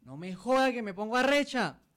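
A man voicing a brash, blunt man from Santander who talks loudly in rough slang, with an imitated Santander accent. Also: very high voice, sing-song, moderate pace, voice pushed up, exaggerated voice. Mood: brash, rowdy. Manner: loud, rough, slangy outbursts.

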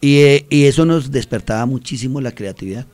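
A man's voice: mid-range voice, fairly quick, a little mellow. Colombian man telling classroom stories. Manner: earnest storytelling, acts out quotes. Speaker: teacher and author. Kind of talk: radio interview.

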